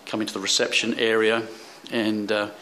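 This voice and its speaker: The recording is low quality, capturing a fairly low, monotone male voice that sounds pushed and bright and moves fairly quickly. A travel vlogger, he rambles with constant fillers and restarts while showing off a seaside hotel's rooms and the street outside on a handheld camera.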